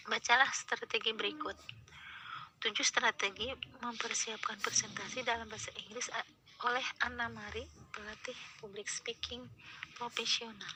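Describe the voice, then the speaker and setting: A woman's voice: fairly high pitch, steady tone, moderate pace. A young woman with an Indonesian accent reads lesson notes aloud steadily, going from English examples to their translations. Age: young adult. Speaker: student presenting a lesson. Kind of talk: reading lesson material aloud. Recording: audible background noise.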